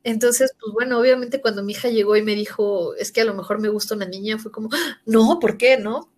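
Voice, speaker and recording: A woman's voice: medium pitch, fast. A woman in her thirties with a Mexican accent, chatting casually and telling personal stories, acting out what others said. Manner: animated storyteller acting out quoted voices. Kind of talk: casual chat.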